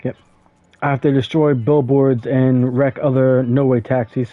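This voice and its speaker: Recorded on what sounds like a phone, dry and tinny with no echo, this gaming streamer narrates his play casually. He rambles, stammers, and restarts often, with lots of fillers. His medium-pitched voice is flat and a bit slow.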